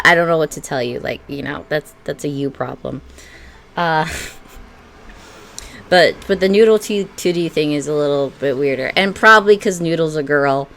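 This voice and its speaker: Lower-pitched young woman, casual and profane. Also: fairly bright tone, smooth. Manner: swears freely, laughs often, many fillers. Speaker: video creator. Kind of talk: casual rambling commentary.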